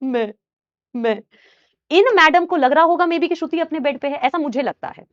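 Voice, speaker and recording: A young woman teacher telling a personal story in a casual, animated way, addressing listeners like her students. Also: sits high, normal speed, no room sound, lo-fi sound.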